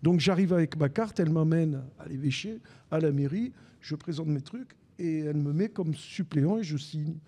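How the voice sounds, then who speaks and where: An older man with a Marseille accent, telling lively anecdotes as a podcast guest and acting out the dialogue. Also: a little high, normal speed, hardly any pauses. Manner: animated anecdotes with repeated restarts and acted-out dialogue. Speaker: guest, former sports radio commentator. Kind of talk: storytelling in a live podcast conversation.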